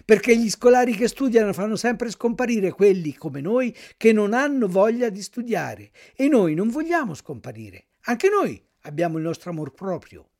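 Man doing loud taunting schoolboy bullies. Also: high voice, big pitch swings, normal speed, few pauses. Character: gang of rough boy truants, bullying.

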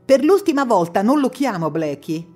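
A woman's voice: a little high, sing-song, moderate pace, darkish tone, soft background music. A woman reading an audiobook, voicing an anxious, sleepless young man who pleads and whines in panic. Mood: distressed.

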